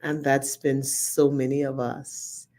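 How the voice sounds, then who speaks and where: A Bahamian woman in her fifties giving a slow, heartfelt personal testimony. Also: a bass voice, flat delivery, dark tone. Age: 50s. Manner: slow, measured and heartfelt, reciting lyrics. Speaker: guest speaker.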